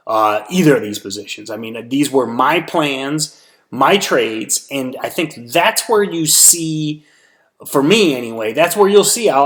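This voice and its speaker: Tired man rambling through a trade recap. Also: medium pitch. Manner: rambling, many restarts and fillers. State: tired, yawning. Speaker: stock trader giving a daily recap. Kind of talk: casual solo trading recap.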